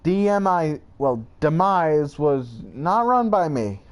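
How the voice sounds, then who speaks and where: A young man rambling slowly through the backstory of his online persona, halting and searching for words, his pitch jumping up and down. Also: big pitch swings. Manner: rambling, halting, jumps between high and low pitch. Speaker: channel creator. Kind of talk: rambling lore monologue.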